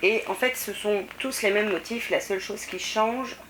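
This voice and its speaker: A woman's voice: medium pitch, moderate pace, a bit bright. Chatty French woman with noisy background. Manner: chatty, many hesitations and fillers. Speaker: vlogger. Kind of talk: casual haul video chat.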